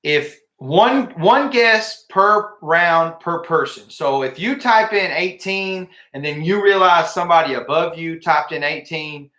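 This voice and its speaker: A man announces a live giveaway in a bright, forward voice. He speaks informally, straight to his viewers, and repeats key phrases. The room around him is noticeably echoey. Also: a little high, measured pace, few pauses. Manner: informal, addresses viewers directly, repeats himself. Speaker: livestream host.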